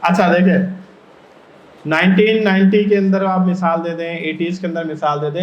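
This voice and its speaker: A man from Pakistan training teachers in a workshop, explaining step by step and often putting questions to the room. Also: on the high side. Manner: explains step by step and keeps asking the audience questions. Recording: echoey room, dull lo-fi sound.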